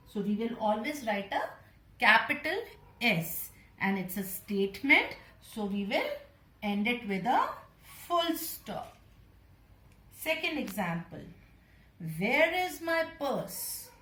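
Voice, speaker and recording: Woman teacher, Indian English accent, patient, fairly high voice, echoey room. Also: fairly bright tone, recorded from a distance. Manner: patient, addresses children directly. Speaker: primary school teacher. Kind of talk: slow classroom explanation.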